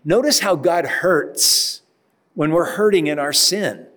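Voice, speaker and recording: Male pastor, conversational sermon, fairly high voice, emphatic rises, long church reverb. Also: expressive, slow pace, fairly bright tone.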